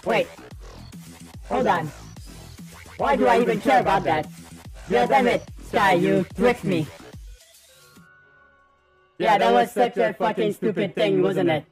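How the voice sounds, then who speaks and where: A man in his thirties streaming a game live over a headset mic, excitable and swearing as he reacts and talks to his chat. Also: high voice, unhurried, pauses often, faint music behind. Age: 30s. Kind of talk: gaming livestream commentary. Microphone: livestream headset mic.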